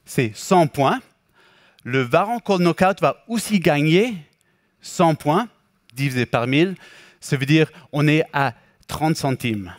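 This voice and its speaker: A man with a Swiss German accent mixed with Québécois and English influence gives an explanatory financial presentation as a product specialist, in a halting, self-correcting way. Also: on the high side, animated, dry recording, clean studio sound. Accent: Swiss German with Québécois and English influence, speaking French.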